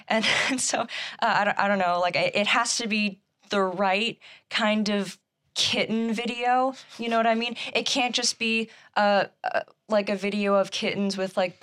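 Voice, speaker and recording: A woman's voice: medium pitch, a bit bright, smooth. A young adult woman answering interview questions casually, hesitating with many fillers and often giggling. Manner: halting, full of fillers and giggles. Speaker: student guest.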